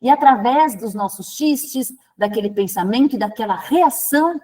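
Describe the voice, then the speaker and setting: A woman's voice: on the high side, expressive, normal speed, mellow, low-quality recording. A Brazilian woman presenting at a spiritist center, speaking conversationally with frequent tag questions and restarts. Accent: Brazilian Portuguese. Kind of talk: online training talk.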